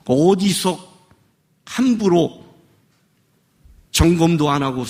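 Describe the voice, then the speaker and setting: A man's voice: high voice, fairly bright tone. A man preaching as a pastor, scolding and firing off rhetorical questions. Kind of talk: sermon. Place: worship service.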